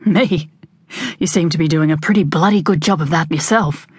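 A woman's voice: deep voice, moderate pace, a little mellow, slightly rough. Woman doing a blunt young country man.

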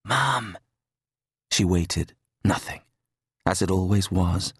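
Low, husky male audiobook narrator. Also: no echo, clean studio sound. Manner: measured, steady storytelling. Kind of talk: scripted narration. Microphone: close studio mic.

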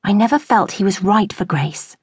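A woman voicing a calm, gentle middle-aged wife and mother who speaks mildly. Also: mid-range voice, normal speed, breathy edge, no echo, clean studio sound.

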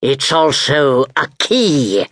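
A wicked pirate captain with a gruff, growling voice, as a man puts him on. He drags his words out slowly and lets his pitch swoop and rise as he schemes, in a dry, close storybook reading. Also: big pitch swings, fairly bright tone, no room sound. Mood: menacing. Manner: growling, slow and menacing.

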